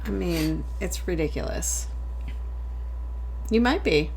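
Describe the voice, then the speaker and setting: A woman's voice: fairly low pitch, lively intonation, slow, creaky, darkish tone, a little hiss or hum. Chatty podcast host woman. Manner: chatty, laughs often. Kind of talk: casual podcast chat.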